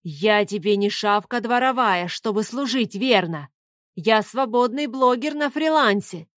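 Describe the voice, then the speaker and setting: A woman's voice: a little high, lively intonation, unhurried, no echo, studio quality. A woman voicing a stubborn, defiant young man hero who speaks with determination.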